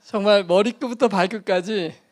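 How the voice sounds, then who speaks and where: A man's voice: high voice, normal speed, darkish tone. A middle-aged male pastor telling a personal story in a sermon, acting out the voices and laughing at himself.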